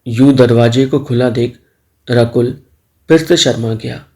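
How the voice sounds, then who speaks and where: A man narrating a story in a steady, measured reading. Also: mid-range voice.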